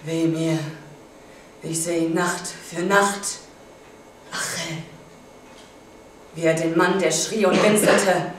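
A woman's voice: fairly low pitch, steady tone, far from the mic, slight background noise. A woman playing Andromache, proud grieving widow. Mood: bitter. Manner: measured, bursting into bitter outrage, then tender. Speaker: acting student. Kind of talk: stage monologue. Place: stage or studio hall. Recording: very echoey stage from afar.

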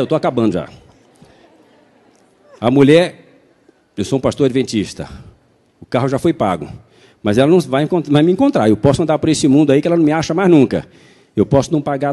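A Brazilian pastor tells a story from the pulpit, quick and animated, acting out each exchange. His voice is mellow and dark. A long reverb fills the church hall around him. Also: mid-range voice. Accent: Brazilian Portuguese. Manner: animated, acts out dialogue. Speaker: pastor and physician. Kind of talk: sermon storytelling.

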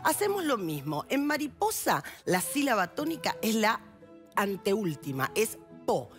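A woman's voice: medium pitch, big pitch swings, a little slow, faint music behind. A woman with an Argentine accent explaining spelling rules on a TV news show in a patient, teacherly way. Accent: Argentine Spanish. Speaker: language columnist. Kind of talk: explanatory TV segment.

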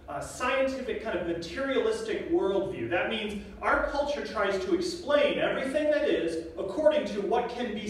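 A man's voice: high-pitched, a little hiss or hum. A young man preaching as a guest speaker, earnest and direct, asking the congregation questions. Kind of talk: sermon. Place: church sanctuary. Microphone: podium microphone, filmed from far back. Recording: echoey church room from far off.

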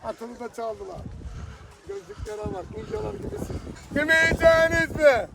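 A man's voice: extremely high pitch, very animated, normal speed, vocal fry. A middle-aged man from Thrace with a Thracian Turkish accent, a beach simit seller who calls out teasing, joking sales lines and talks about his work. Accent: Thracian Turkish dialect. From Thrace, Turkey. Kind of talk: street hawking and short interview. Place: outdoors on a beach. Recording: outdoor wind noise on the mic.

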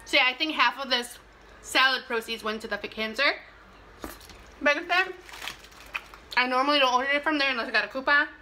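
A woman's voice: high-pitched, fairly quick, long pauses, bright, forceful tone. A young woman vlogger chatting casually and animatedly as she eats in front of a camera in a small room, sometimes talking between bites. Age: young adult. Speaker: mukbang vlogger. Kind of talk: casual chatty talk while eating on camera. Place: small plain indoor room. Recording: clear background noise, clicks.

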